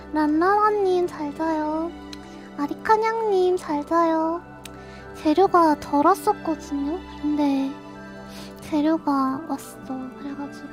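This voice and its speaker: Very high-pitched, cute anime-style young woman streamer. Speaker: live streamer signing off. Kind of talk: casual chat to stream viewers.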